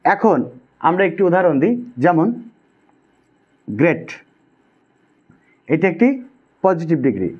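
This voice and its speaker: A man with a Bangladeshi Bengali accent teaching English grammar in a patient lesson, repeating key rules slowly. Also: a little high, sing-song, slightly rough. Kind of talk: explanatory lesson. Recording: dull lo-fi sound.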